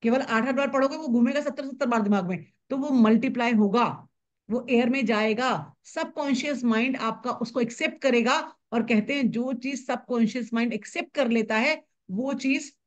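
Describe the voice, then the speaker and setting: High-voiced woman teaching brisk and repetitive. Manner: brisk, repetitive, conversational explaining. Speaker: spiritual manifestation teacher. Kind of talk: live online class talk.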